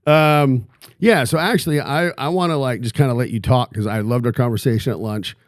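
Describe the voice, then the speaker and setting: Guy hosting a podcast, jokey teasing questions, middle pitch, dead dry sound. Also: fairly quick, dry recording. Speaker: podcast host. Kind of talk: casual interview.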